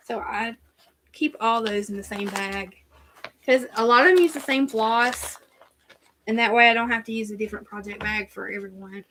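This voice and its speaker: A chatty woman with a country Southern drawl, rambling casually through a live stream. Her voice is bright and a touch high, and she talks in loose, easygoing runs. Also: moderate pace, slight background noise. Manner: chatty, rambling, reads out viewer comments. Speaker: cross-stitch channel host.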